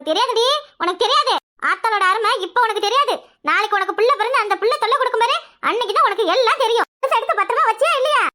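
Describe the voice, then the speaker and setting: Woman playing a high shrill village mother, scolding, southern Tamil village accent, cartoon. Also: sharp tone. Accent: southern Tamil Nadu village Tamil. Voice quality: shrill, fast, exclaiming. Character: scolding village mother, loud and quick-tempered. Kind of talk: cartoon voice acting.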